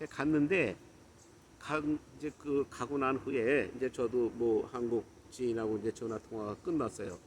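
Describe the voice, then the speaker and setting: A man telling a personal story in a casual monologue, animated and mixing English words into his talk. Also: slight background noise. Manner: acts out quoted lines with louder, higher bursts.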